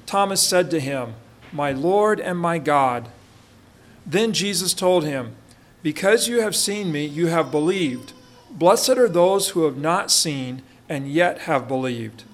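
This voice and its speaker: A male pastor with a high-pitched, fairly bright voice preaches into a pulpit microphone in a church. He reads scripture and then explains it, often saying "uh."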